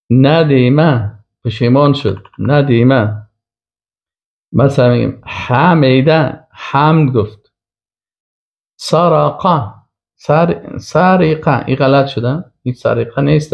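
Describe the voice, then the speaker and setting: A man's voice: mid-range voice, creaky. A male professor giving a classroom grammar lecture. He speaks, asks himself questions aloud and drawls out the example words. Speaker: professor teaching Arabic grammar. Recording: dull lo-fi recording.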